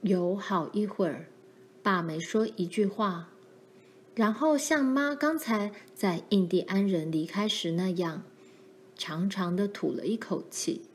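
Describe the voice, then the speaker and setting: Slow, gentle woman storyteller. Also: medium pitch, a little hiss or hum. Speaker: storybook reader. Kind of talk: children's story narration.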